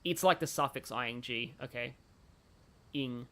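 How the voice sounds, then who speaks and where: A woman with a very deep voice speaks slowly while live streaming a game. She chats with viewers, thinking aloud in a rambling, opinionated manner.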